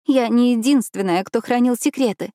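A woman's voice: a little high, moderate pace, dark tone, dry recording, studio quality, voice pushed up, lightly acted. A woman voicing a timid, guilt-ridden young woman who pleads and apologizes in an audiobook. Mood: defensive. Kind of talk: audiobook character voice.

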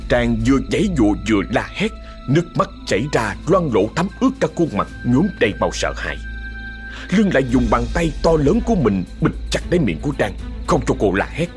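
A man narrating a ghost story in a dramatic, expressive way. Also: mid-range voice, a little fast, soft background music.

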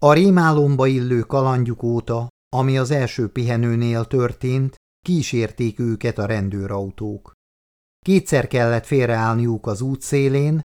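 A man reading an audiobook aloud in a calm, measured storytelling manner. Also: medium pitch. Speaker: audiobook reader. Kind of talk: scripted narration.

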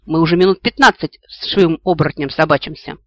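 A man voicing a gruff, rowdy male dragon ancestor ghost who growls and booms. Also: fast talker, dry recording, muffled recording, lightly acted. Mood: roaring. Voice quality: growling, booming.

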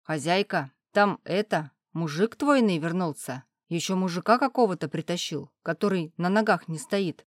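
A woman's voice: fairly low pitch, normal speed, hardly any pauses, no room sound, studio quality, lightly acted. Woman doing a folksy male house spirit. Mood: urgent. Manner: folksy, clumsy speech.

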